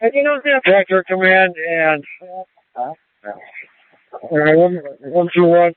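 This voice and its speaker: A man's voice: high-pitched, lively intonation, very slow, no room sound. A man working as a security post officer, giving clipped, matter-of-fact reports over a two-way radio. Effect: heard over a two-way radio. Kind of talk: radio dispatch traffic. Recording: tinny dry radio transmission.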